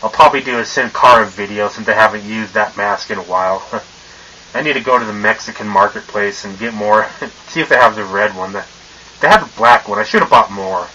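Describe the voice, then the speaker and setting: A young man rants casually to camera, swearing freely and stumbling over his words between constant fillers. His voice has a bright, forceful edge even though a mask over his face muffles it. A faint hiss sits under the recording. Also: on the low side, moderate pace, dull audio. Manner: rambling and profane, with many fillers and stumbles. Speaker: vlogger.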